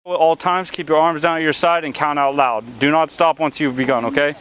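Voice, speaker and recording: A man's voice: fairly high pitch, fairly even intonation, brisk. A man speaking as a police officer, giving stern, repetitive commands and questions at a roadside stop. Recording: noisy outdoor police bodycam audio.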